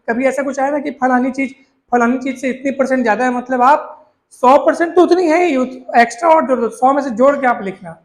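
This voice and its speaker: A man's voice: very high-pitched, a bit bright. A male maths teacher, explaining a lesson in a coaxing way, repeating points and asking his students questions. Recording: echoey room.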